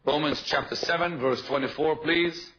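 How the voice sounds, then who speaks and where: This is a sermon from a high-pitched male preacher moving at a moderate pace, hammering his points through repetition and calling on listeners to answer. The live recording sounds dull and carries a steady hiss.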